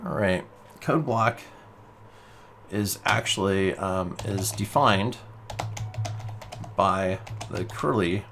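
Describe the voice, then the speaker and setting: Patient male coding instructor, slightly low voice, walks through each step over soft typing. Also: drawn-out words, pauses often, slight background noise. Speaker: programming teacher. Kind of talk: screen-recorded coding tutorial.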